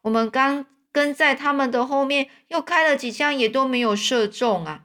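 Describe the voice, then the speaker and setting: Woman doing a kind chatty old man, bright voice, storybook. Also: sits high, normal speed. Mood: storytelling. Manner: kindly, talkative. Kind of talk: storybook reading.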